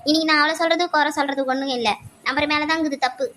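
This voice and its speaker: Woman doing scolding older mother-in-law, high voice, bright tone, cartoon story. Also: fairly even intonation, racing, slight background noise. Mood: defensive. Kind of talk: animated cartoon story voicing.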